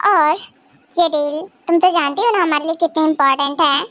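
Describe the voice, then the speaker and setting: A woman's voice: high voice, steady tone, moderate pace, a bit bright, no room sound. A woman voicing a tired, busy young businessman husband speaking in a weary, matter-of-fact way in a fan audio drama.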